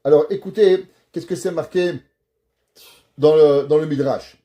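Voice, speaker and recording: Male rabbi, high voice, mellow dark tone, animated storytelling lesson. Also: measured pace. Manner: animated storyteller who acts out dialogue.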